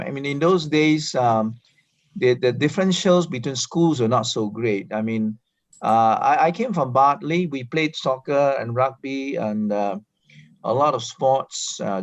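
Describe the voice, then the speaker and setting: A man's voice: mid-range voice, unhurried, dry recording. A man talking as a webinar panel guest, hesitant, with many fillers and repeated words. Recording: dull dry video call audio.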